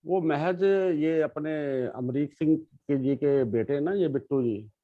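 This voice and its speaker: A man's voice: on the high side, no echo. Reflective middle-aged man, dull lo-fi. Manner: reflective, earnest, halting. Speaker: guest sharing his life story. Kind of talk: casual conversation. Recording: dull lo-fi sound.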